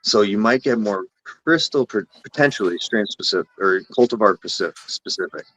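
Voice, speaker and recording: A man's voice: on the low side, expressive, normal speed, fairly bright tone. A man with a Canadian accent, a guest on a casual live stream, talking in rambling, self-correcting runs and swearing casually. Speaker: guest cannabis breeder.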